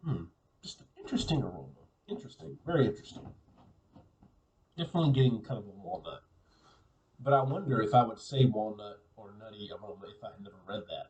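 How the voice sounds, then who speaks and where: A man casually reviewing a beer on his own, relaxed and musing, often repeating words as he thinks aloud. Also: lowish voice, far from the mic, low-quality recording.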